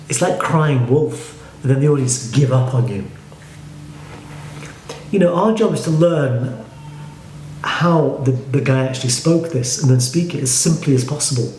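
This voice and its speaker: Man with a Liverpool accent, acting coach, brisk and opinionated, medium pitch, roomy echo, faint background hiss. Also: darkish tone. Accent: Liverpool English. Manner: brisk, opinionated, breaks lines into halves. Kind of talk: verse-speaking lesson. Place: home studio room. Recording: echoey room with faint noise.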